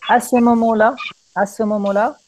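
Un homme, professeur, donne un cours de poésie française en visioconférence, patient et guidant ses élèves. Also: male voice, very high voice, little pitch movement, moderate pace, a little mellow. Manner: patient, guiding, repeats praise. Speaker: teacher. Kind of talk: online French poetry lesson.

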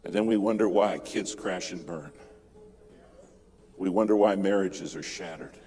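A man preaching a sermon, telling a dramatic story and driving points home by repeating key words and slowing down. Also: deep voice, dark tone, in a large hall.

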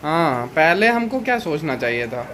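A man's voice: a little high, very animated, moderate pace, pushed and bright, slight background noise. A man, chatting casually in a family vlog, teasing and pleading playfully. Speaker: vlogger.

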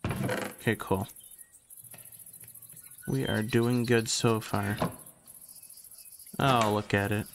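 A man's voice: on the low side, fairly even intonation, very slow, long pauses, over music. A young man hosting a casual game commentary, rambling and repeating words as he plays, his voice still recovering after he lost it. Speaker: gaming channel host. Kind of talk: casual let's-play commentary.

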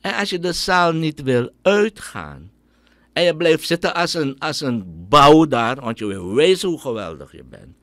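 Indignant Surinamese Dutch radio ranter. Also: male voice, fairly high pitch, sing-song, a little slow, a bit bright, no room sound. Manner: indignant, ranting, scornful. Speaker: radio commentator. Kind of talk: opinionated radio monologue.

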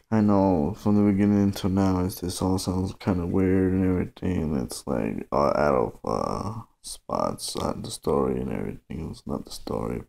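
A man talking to his phone camera at home in a rambling, mumbling casual monologue, halting with fillers. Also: sits low, gravelly, warm tone, breathy edge. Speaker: vlogger. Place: at home indoors. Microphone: phone camera close up.

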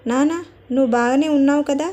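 A woman voicing a young mother who soothes and pleads with her little son, in a high, mellow voice. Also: fairly even intonation, a little fast, lightly acted. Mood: tender.

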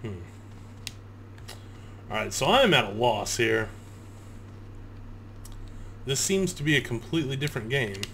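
A gamer recording a playthrough talks to himself with casual, profane, reactive commentary on the game. His medium-pitched, slightly bright voice swings widely in pitch, moves a little slowly with long pauses, and game ambience is clearly audible behind him.

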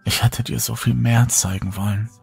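Guy doing a whispered role-play of a drained ghostly girl, raised breathy voice, barely audible, scared and tired. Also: rumbling low, steady tone, moderate pace, a little mellow, faint music behind, voice pushed up, exaggerated voice. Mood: weary whisper. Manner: faint, weary and fearful. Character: exhausted hollow ghostly young woman, fearful.

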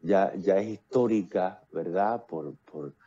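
Deep, dark and slow, the voice of this fifty-something Puerto Rican man comes across on dull audio. He's a playwright and actor being interviewed casually over video call, talking at length in his Puerto Rican Spanish accent with frequent fillers and restarts, through earphones that have a built-in mic.

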